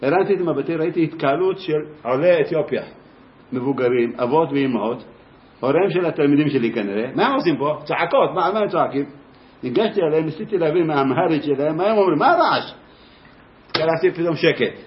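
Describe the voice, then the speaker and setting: A man, a teacher, telling a personal story in a lively first-person way, briefly acting out the voices of the people in it. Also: fairly high pitch. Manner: lively, acts out voices in his anecdote. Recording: roomy, dull lo-fi sound.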